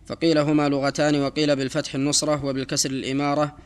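A man reading a classical Arabic text aloud for a teacher, reciting quickly and evenly with small slips. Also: a little high, level tone, clean tone.

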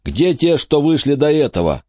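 A male narrator voicing a brave teenage boy, hoarse from smoke, giving brisk, clipped orders. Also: on the high side, big pitch swings, darkish tone, no room sound, clean studio sound, voice pushed up. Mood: commanding.

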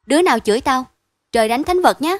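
A woman voicing a pushy, boastful village boy in a bedtime story, loud and insistent. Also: on the high side, expressive, moderate pace, dry recording, close to an everyday voice.

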